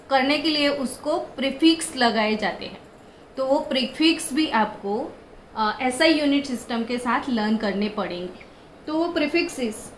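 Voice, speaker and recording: Indian woman teacher, slightly high voice, unhurried lecture, echoey room, faint background hum. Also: a bit bright. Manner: chanting memory rhymes in quick bursts; slow, deliberate explanations with fillers. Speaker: physics teacher. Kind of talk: classroom lecture mixing Hindi and English.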